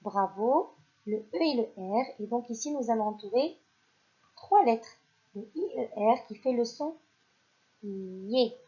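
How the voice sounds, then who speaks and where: Slow, encouraging schoolteacher woman. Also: a little high, animated, warm tone. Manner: slow, clear, encouraging teacher talk, praising unseen pupils. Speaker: primary school teacher. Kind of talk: recorded remote phonics lesson for children. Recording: dull lo-fi recording.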